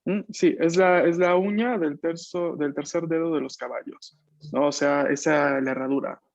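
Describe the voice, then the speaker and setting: A man leads an online language class in a slightly raised voice, patient and methodical. He repeats each answer and keeps checking in with quick tag questions and affirming murmurs. The call audio is dry and a little dull. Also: a little high, creaky, no room sound. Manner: repeats students' answers and explains slowly. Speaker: language teacher. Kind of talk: online Italian lesson taught in Spanish. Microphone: video call microphone.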